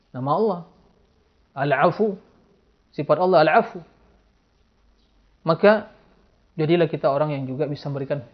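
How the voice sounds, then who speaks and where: A man's voice: fairly high pitch, lo-fi sound. A man giving an Islamic study lecture, emphatic and full of rhetorical questions and affirming asides. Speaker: Islamic preacher.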